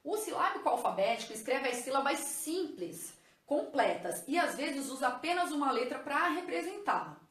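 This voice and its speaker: A woman teaches a lesson in a high, clear voice. She explains patiently and keeps checking that her viewers follow. The room around her rings with echo. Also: big pitch swings, moderate pace, a bit bright. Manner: patient, addresses viewers as "gente", checks with "ok?" and "tá vendo?". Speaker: teacher and educational psychologist. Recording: echoey room.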